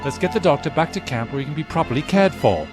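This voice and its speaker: A man's voice: fairly high pitch, expressive, fast, over music, close to an everyday voice. A man playing a brusque, skeptical, short-tempered naval lieutenant in an audio drama. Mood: brisk, commanding.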